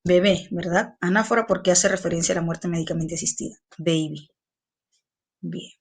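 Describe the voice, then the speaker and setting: A woman teacher, giving an online class, explaining slowly and repeating phrases for her students. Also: lowish voice, steady tone.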